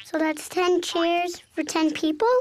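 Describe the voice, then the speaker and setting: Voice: extremely high pitch, little pitch movement, measured pace, background noise. A performer playing an eager, curious little boy kangaroo joey in a children's cartoon, full of childlike questioning. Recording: music under the voice.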